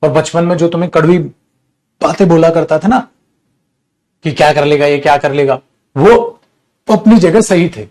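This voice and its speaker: A middle-aged man teaches an online grammar class from his studio, his voice sitting a little high. He lectures in a stern, earnest, scolding way, addressing his students directly as he talks into the camera mic. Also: normal speed, pauses often, a little mellow.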